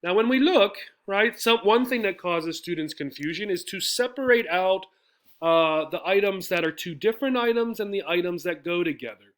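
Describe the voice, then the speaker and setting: This English teacher has a high-pitched, a bit bright voice with lively intonation at normal speed. He walks through the lesson step by step in a didactic manner, often asking questions and adding check-in tags, and reads a poem along the way.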